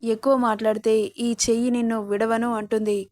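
An intense, possessive young lover in a spoken romance story, firing demanding questions in a fierce tone , as a woman narrator reads him in her own voice. The voice sits fairly high and stays level, with a dry, close sound. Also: level tone, brisk, a little mellow, no echo, natural voice.

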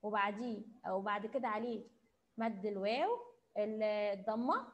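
A young woman with an Egyptian accent, teaching young children in an online class, drawing out her words slowly as she asks questions and praises them. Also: medium pitch, animated, highs cut off. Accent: Egyptian Arabic. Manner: slow, drawn-out prompting questions with cheerful praise. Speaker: kindergarten teacher. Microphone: computer mic on a video call.

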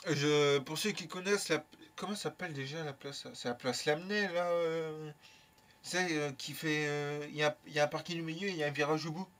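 A young man telling a casual story in a lively, slangy way, with plenty of swearing. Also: on the high side, fairly quick. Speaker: YouTuber.

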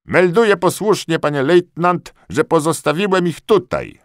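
A flustered corporal who blurts out his reports in a strained, high, loud voice, as a male reader puts him on. The recording is dry and close. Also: normal speed, dry recording, close to an everyday voice. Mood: servile. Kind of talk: audiobook character voice.

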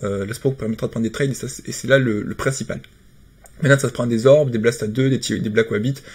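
A man's voice: mid-range voice, fairly even intonation, fast, a little mellow, slightly rough. A man giving casual commentary on a card game patch. He hesitates often and restarts his sentences. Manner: hesitant, many fillers and restarts.

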